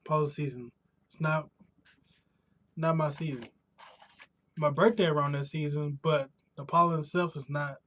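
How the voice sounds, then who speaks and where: Rambling higher-pitched American man streaming. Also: steady tone, moderate pace, long pauses, a bit bright. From United States. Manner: rambling, restarts and rephrases often. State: voice slightly worn from pollen allergy. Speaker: live streamer. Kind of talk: casual live-stream chat. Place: home streaming room.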